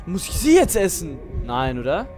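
A young man streaming a game in a high, very lively voice. He talks in casual slang and boasts as he plays. Music runs behind him. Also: normal speed. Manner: slangy, boastful trash talk. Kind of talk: casual live gaming commentary.

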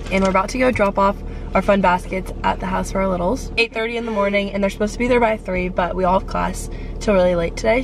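A young American woman chatting casually to her vlog in a bubbly, sorority-girl manner, with a creaky edge to her voice. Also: mid-range voice. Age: young adult. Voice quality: creaky vocal fry. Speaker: student vlogger, sorority member. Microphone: handheld camera at arm's length. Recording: faint to clear background noise, handheld camera.

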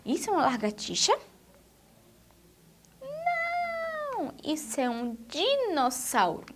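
A woman teaching young children a literacy lesson, drawing out words in a slow, sing-song way. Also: high voice, sing-song, very noisy. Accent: Brazilian Portuguese.

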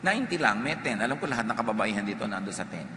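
A man's voice: on the low side, racing. A man from the Philippines, preaching a sermon emphatically and dropping humorous asides to the congregation. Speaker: pastor. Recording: echoey hall with faint background noise.

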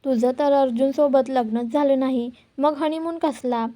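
A woman's voice: high voice, fairly even intonation, dark tone, lightly acted. Mocking menacing villain Mahipat, read by a woman. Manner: mocking, slow and threatening. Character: mocking menacing man, cruel.

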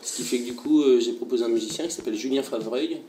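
A man talking casually in an interview about his show, pausing often with fillers. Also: medium pitch. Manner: relaxed, halting with fillers. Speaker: performer interviewee. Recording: roomy, distant mic with music.

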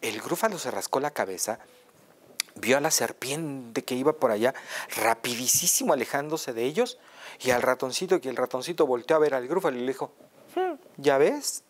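A man telling a children's tale aloud in an animated, playful way, full of repetition. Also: medium pitch, brisk. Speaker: storyteller. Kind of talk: oral storytelling for children.

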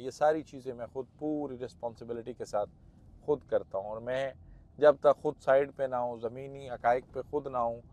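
A man with a Pakistani Urdu accent and a medium-pitched, slightly mellow voice hosts property marketing content. In a site-visit vlog shot from a moving car, he gives persuasive, emphatic sales commentary on a property tour.

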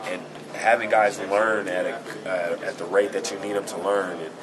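Deep-voiced young man, loud crowd behind. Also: level tone. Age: 20s. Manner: informal, halting, thinking aloud. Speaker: basketball player being interviewed. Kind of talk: casual media interview. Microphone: handheld camera and recorders held near.

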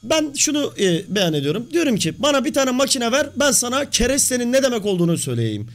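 A young man streaming a multiplayer game, joking loudly and swearing freely. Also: very high voice, sing-song, fast. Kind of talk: casual multiplayer gaming banter.

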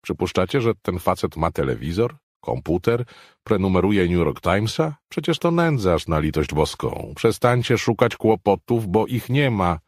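A man's voice: low voice, sing-song, moderate pace, no room sound, studio quality, pitched above the performer's own voice. A man voicing a dismissive male prison warden who scornfully brushes off every worry. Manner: scornful, impatient.

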